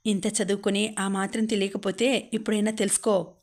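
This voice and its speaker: A wounded young mother, voiced by a woman narrator, pleading through tears yet holding firm. The pitch stays narrow and even, held in a middle register. It reads as a storybook telling. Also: fairly quick, close to an everyday voice. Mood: anguished. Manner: pleading, tearful. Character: young woman, new mother, anguished and defiant.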